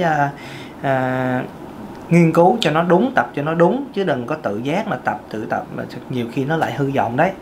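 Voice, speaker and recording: A woman's voice: deep voice, background noise. A woman, a vocal coach giving a casual singing lesson and breaking off to demonstrate vocal sounds.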